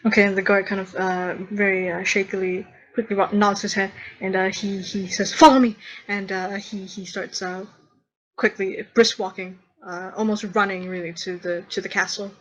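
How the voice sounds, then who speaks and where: A woman narrating as game master of a tabletop game, halting with many fillers and acting out short lines for the guards. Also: mid-range voice, little pitch movement, a bit bright, highs cut off.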